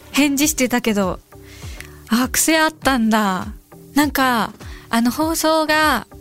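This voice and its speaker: Woman radio host chatting and giggling between listener messages, a bit high voiced, faint music behind, studio mic. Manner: chatty and giggly, with soft whispered asides. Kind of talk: casual radio talk reading listener messages. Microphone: studio microphone. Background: faint background music.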